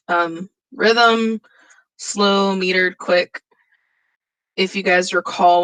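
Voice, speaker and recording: A young woman teacher with a lower voice than most women, giving a casual, chatty recorded lesson and thinking aloud as she works. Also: fairly bright tone, no room sound, low-quality recording. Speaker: drama teacher.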